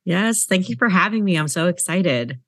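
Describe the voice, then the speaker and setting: A woman's voice: on the low side, expressive, moderate pace, fairly bright tone, no echo, clean studio sound. A woman from the US West Coast, a comedian chatting as a podcast guest in an upbeat, rambling way with frequent "like"s and light laughs. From United States, born in Los Angeles, raised in Seattle. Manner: chatty and upbeat, laughs often, many "like"s and run-on sentences. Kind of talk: casual interview chat.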